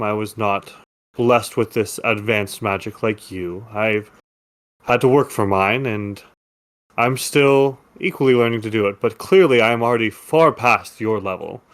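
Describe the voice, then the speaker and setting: A man's voice: on the low side, fairly bright tone. A man voicing a smug, arrogant male mage who talks down to others. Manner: boastful, condescending.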